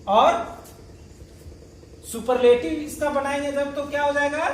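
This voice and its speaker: A man's voice: very high-pitched, steady tone, unhurried, a little hiss or hum. A male teacher explaining grammar. He keeps asking rhetorical questions, answers them himself, and patiently repeats and spells out words. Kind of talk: classroom grammar lesson. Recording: echoey room, voice from far off.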